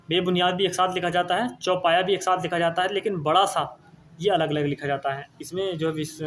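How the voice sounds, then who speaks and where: Guy teacher with a fairly high voice running thru spelling answers, faint hiss behind. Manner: repeats words, asks and answers, tag "ठीक है ना". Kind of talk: exam-prep spelling lesson.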